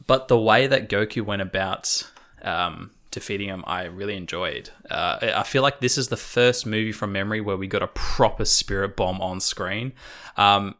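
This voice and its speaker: A man's voice: fairly low pitch, moderate pace, bright, forceful tone. A man co-hosting a podcast, chatting casually and enthusiastically, with loose and casual swearing. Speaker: podcast co-host.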